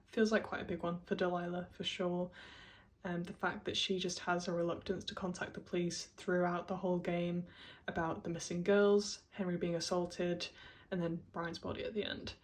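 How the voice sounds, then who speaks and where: A woman's voice: on the low side, little pitch movement, moderate pace. A woman talking through a casual video essay, chatty, with many fillers and frequent laughs.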